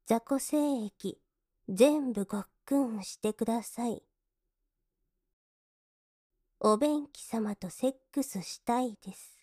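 A young woman playing a cold, scornful maid in an adult audio drama, politely contemptuous and mocking, sometimes dropping into soft whispers to sneer. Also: on the high side, lively intonation, slow pace, breathy edge, no room sound, studio quality, heavily acted. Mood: coolly commanding.

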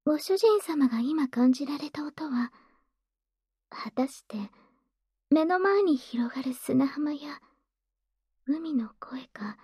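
A woman playing a gentle, devoted maid who soothes her master with formal politeness in a soft, breathy whispered role-play. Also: high-pitched, lively intonation, takes it slowly, pauses often, dry recording, clean studio sound. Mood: tender, soothing.

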